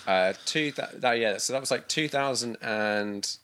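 A man's voice: mid-range voice, a little slow, bright, forceful tone, clear, resonant tone. A man from the UK in his thirties, chatting casually as a guest, rambling with many restarts and fillers. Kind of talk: casual interview chat.

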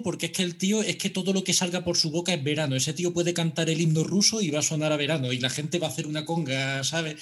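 Husky man with a wry delivery. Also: a little high, a bit bright. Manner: emphatic, wry, quick asides. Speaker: podcast co-host. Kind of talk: casual chat.

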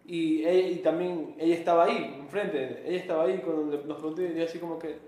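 Quick, joking man, very echoey. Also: fairly high pitch, steady tone, darkish tone. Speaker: podcast co-host. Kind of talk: casual banter among friends. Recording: very echoey room.

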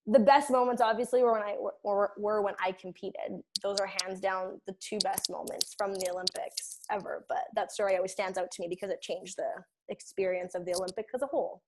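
A woman guest in a casual interview, telling candid stories in a reflective way. Her voice sits at a middling pitch, and she laughs easily as she talks. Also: steady tone, brisk, hardly any pauses, a little mellow, a little hiss or hum, rough recording. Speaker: guest, retired Olympic athlete.

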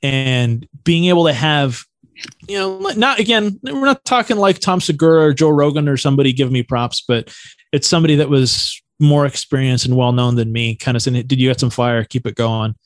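A man, a stand-up comedian guest, telling anecdotes in a casual, slangy, animated way. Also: a little high, normal speed, no echo. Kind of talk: casual storytelling.

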